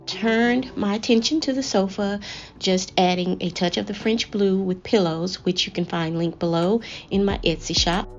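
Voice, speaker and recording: A woman narrates a home makeover as a scripted voice-over, with measured, deliberate phrasing. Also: mid-range voice, dull audio. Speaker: home decor vlogger presenting a makeover. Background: background music.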